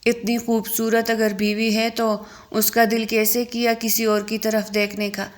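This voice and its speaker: A woman's voice: fairly high pitch, completely flat delivery, lightly acted. A woman voicing a blunt young man who sternly scolds his crying friend in a story reading. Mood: surprised.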